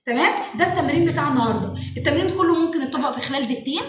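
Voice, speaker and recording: An Egyptian woman, a parenting educator and show host, explaining classroom activities to parents in an animated way and acting out what children say. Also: high voice, racing, a little hiss or hum. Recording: echoey room, mic at a distance.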